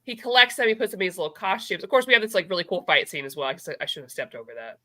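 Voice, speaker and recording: A woman with a bright, forward voice co-hosts a casual comic book chat. She is gushing and enthusiastic, and slips into quoting characters as she retells the story. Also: fairly low pitch, rapid-fire. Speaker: co-host of a comic book review show.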